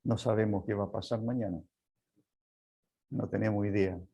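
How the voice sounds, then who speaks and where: A man with a Chilean Spanish accent preaching a sermon as pastor, earnest and unhurried, closing in a quiet prayer. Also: on the low side, steady tone, vocal fry, slightly rough. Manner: slow, earnest preaching that drops to a soft prayer.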